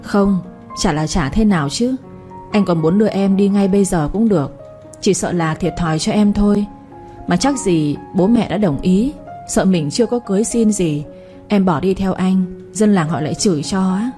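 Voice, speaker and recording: A woman's voice: medium pitch, moderate pace, dark tone, faint music behind, close to an everyday voice. A woman voicing an earnest young village man who placates his fiancée. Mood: placating. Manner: soothing, placating.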